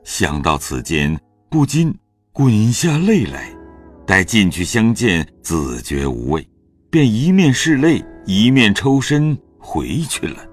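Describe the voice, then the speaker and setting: A man with a fairly low voice tells the story slowly. His reading is expressive and the pitch rises and falls widely, with faint music under it. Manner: slow, expressive, dramatic reading. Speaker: narrator. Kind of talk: storytelling narration of a classic novel.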